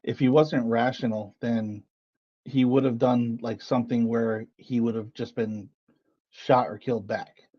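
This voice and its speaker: A man's voice: medium pitch, steady tone, measured pace, slightly rough, highs cut off. A man co-hosting a podcast, chatting casually and teasing his partner as he argues his view. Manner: teasing, argumentative. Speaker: podcast co-host. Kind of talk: casual chat.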